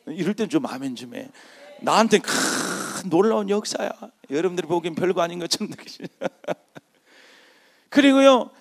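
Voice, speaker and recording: A middle-aged man, a pastor, preaching a sermon in a church, shifting from quiet storytelling to loud shouted calls. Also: high voice, expressive, moderate pace. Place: church sanctuary.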